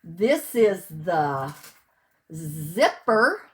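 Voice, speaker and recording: Reading a picture book to young children at home, a woman teacher speaks extremely slowly in a voice on the low side with big pitch swings. She uses a sing-song manner, explains simply and poses questions to the kids indoors.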